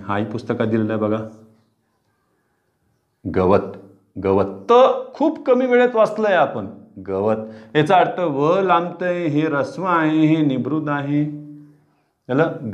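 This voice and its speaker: A male teacher at a middle pitch takes a class through pronunciation, saying each word several times and drawing out the sounds. He asks a question and then answers it himself. The recording sounds a little dull and lo-fi. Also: lively intonation. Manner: repeats words aloud slowly, drawing out sounds, asks and answers own questions.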